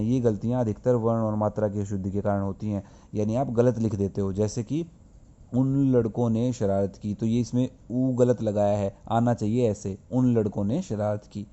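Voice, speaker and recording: Low, dark-voiced male teacher, muffled. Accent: Hindi-speaking north Indian. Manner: explains patiently, asks and answers his own questions. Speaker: school teacher. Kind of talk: classroom grammar lesson.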